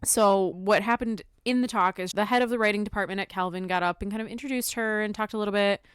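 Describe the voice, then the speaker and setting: A woman's voice: medium pitch, fairly even intonation, fast, clear, resonant tone, dry recording. A woman hosting a podcast, recapping in an informal, giggly, chatty way. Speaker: podcast host. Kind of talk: casual chat, recapping a talk.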